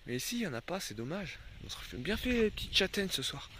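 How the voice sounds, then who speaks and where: Chatting by a river on his travel vlog, a young man talks both to the camera and to his dogs, cursing occasionally when irritated. He sounds high-pitched, sharp, very animated, and quick, with a slight hiss or hum in the recording.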